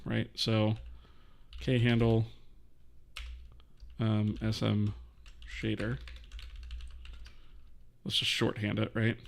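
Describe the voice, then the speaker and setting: A man's voice: on the low side, vocal fry, slight background noise. A man hosting a live coding stream, thinking aloud as he types and answering questions from chat.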